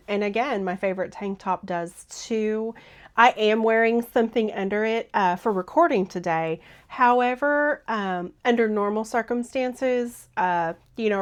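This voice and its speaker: A woman hosting a knitting vlog in a chatty, rambling way, her voice hoarse and froggy. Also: mid-range voice. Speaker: knitting vlogger. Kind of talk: casual vlog chat.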